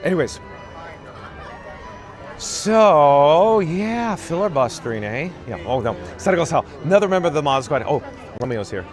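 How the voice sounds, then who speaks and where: Casual live-stream talk comes from a raspy man out on a parade route, his voice a little high and his speed normal. He reads the chat in a dry, self-mocking monotone into the camera rig he holds, while music and an outdoor crowd play behind.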